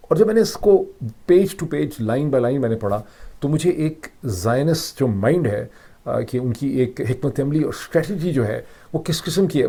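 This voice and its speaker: Mellow-voiced Pakistani man giving political analysis. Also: medium pitch. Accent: Pakistani Urdu. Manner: explanatory, emphatic, mixes English phrases into Urdu. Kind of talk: solo commentary monologue.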